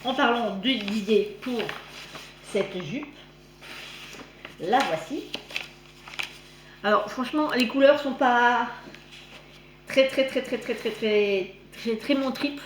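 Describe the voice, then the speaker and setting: A woman's voice: fairly high pitch, slow pace, long pauses. A woman with a slight lisp on her s sounds, chatting casually as she hosts a magazine review vlog. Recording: roomy echo, clear background noise.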